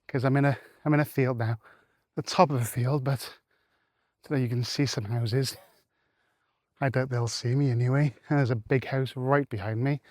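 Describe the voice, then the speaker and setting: A man's voice: medium pitch, darkish tone, no room sound, studio quality. A married man talking casually to camera while out walking in open fields, rambling with many fillers and restarts, a little out of breath. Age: adult, married. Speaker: vlogger.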